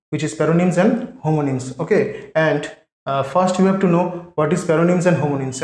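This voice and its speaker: High-voiced tutor in an echoey room. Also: male voice, a little mellow. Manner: slow, repetitive teacher's explanation, mixing English and Bengali. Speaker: English grammar tutor. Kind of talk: online grammar lesson.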